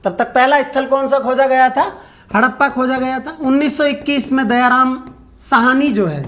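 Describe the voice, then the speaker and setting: A man's voice: very high voice, a bit bright. A male teacher giving an online exam-prep lecture. He poses questions, answers them himself and repeats key points for his viewers. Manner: addresses viewers directly, asking for answers in the comments.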